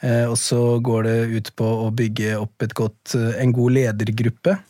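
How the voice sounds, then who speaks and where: A school principal being interviewed about his book, speaking thoughtfully with frequent pauses and fillers. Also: mid-range voice, level tone, dark tone, dry recording, clean studio sound. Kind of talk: podcast interview.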